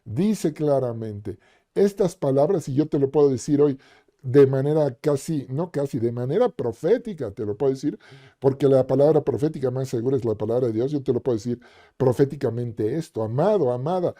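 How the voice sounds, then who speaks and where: A man's voice: medium pitch, animated, fairly quick, mellow. A man preaching a sermon in a conversational way, often checking in with the listener. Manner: conversational, with fillers and repeated questions to the listener.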